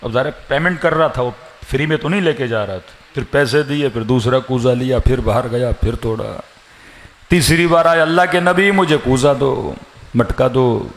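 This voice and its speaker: A man preaching a mourning-gathering sermon, telling stories dramatically with rising pitch and shouted emphasis. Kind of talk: Muharram majlis sermon.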